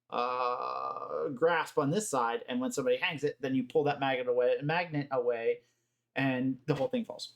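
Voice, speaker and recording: A man giving casual behind-the-scenes commentary about props, halting with fillers. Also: medium pitch. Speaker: prop master commentator.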